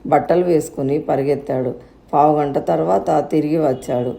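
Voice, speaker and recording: A woman narrating a storybook in a steady, calm reading voice. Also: low voice, moderate pace, creaky. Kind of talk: scripted narration.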